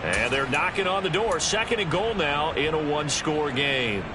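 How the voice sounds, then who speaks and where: An American man doing football play-by-play commentary with an excited touchdown call delivery. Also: a little high, moderate pace, very noisy, natural voice. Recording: loud stadium ambience behind.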